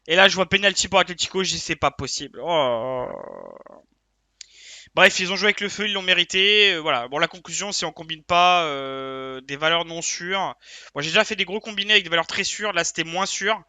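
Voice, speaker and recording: A man with a high voice and a very bright, piercing edge talks through a casual video debrief of his betting tips. He rambles and hesitates, stacking fillers and second-guessing himself in a frustrated tone. The sound is dry and close, with no room around it. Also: fairly quick, no echo. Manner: frustrated and self-questioning. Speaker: sports betting tipster.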